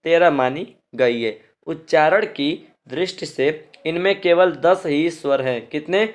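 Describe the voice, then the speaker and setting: Hindi grammar teacher checking in constantly. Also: male voice, on the high side. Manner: repeats points, constant check-ins with "ठीक है ना" and "दोस्तों"; stretches vowels slowly when demonstrating them. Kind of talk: grammar lecture.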